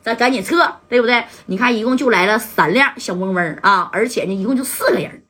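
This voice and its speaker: A woman telling a gangster story in a casual, lively way, mimicking bangs and crashes and acting out the characters' shouts. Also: medium pitch, fast, husky. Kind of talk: colloquial gangster-tale storytelling.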